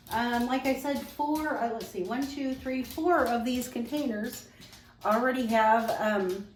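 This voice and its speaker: A woman hosting a casual home vlog, chatty and relaxed with many ums. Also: fairly high pitch. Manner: talks while tasting, mouth full. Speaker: home cooking vlogger. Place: home kitchen and growing room. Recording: roomy home echo.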